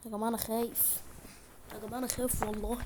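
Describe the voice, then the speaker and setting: A woman with an Egyptian accent giving excitable, chatty gameplay commentary to her viewers from a room at home. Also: fairly high pitch, very fast, noisy background. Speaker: gaming YouTuber.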